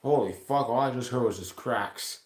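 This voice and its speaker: A male live streamer from Ontario talks at a moderate pace with medium pitch, casually rambling and swearing often while he responds to comments. The audio carries an echoey room sound.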